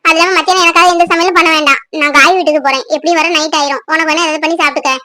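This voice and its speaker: A woman's voice: high-pitched, fairly even intonation, rapid-fire, pushed and bright. A woman voicing an irritable young working woman who snaps back at her mother in a cartoon. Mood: irritated. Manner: curt, irritated.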